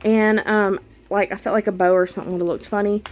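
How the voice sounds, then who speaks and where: A woman's voice: medium pitch, little pitch movement, quick pace. A young woman, chatting casually while walking through her home with a handheld camera and laughing often. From Louisiana. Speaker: vlogger.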